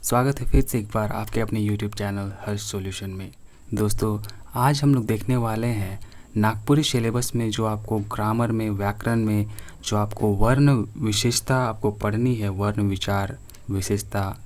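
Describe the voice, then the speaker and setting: Lower-pitched man teaching an exam lesson. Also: fairly even intonation, darkish tone. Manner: addresses viewers as friends, reads questions slowly and clearly. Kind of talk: exam-prep grammar lesson.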